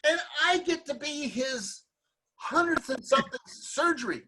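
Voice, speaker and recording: A man's voice: very high voice, lively intonation, measured pace, pushed and bright, low-quality recording. A man hosting a conversational interview, talking earnestly and with humor about hard times. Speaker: interview host.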